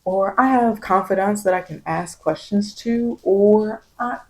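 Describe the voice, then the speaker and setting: This is a soft-voiced American woman doing ASMR tarot readings with spiritual guidance. Her pitch is medium and her pace measured, and she drifts along, repeating phrases for reassurance.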